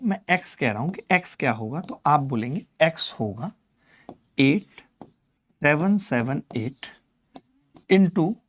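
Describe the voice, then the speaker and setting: Male maths tutor for a live class. Chatty, teases students by name, explains step by step. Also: a little high. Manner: explains step by step, repeats key numbers. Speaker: maths teacher.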